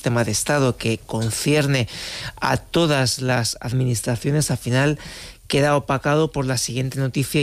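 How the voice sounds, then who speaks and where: A man giving measured, analytical political commentary on a radio talk show. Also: mid-range voice, no echo.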